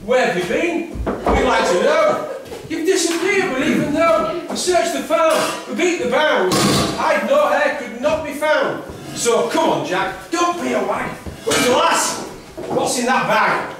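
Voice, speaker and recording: A man's voice: extremely high pitch, expressive, a little slow. A man playing a nosy villager in an amateur pantomime, delivering insistent rhymes. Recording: echoey hall from far off, music behind.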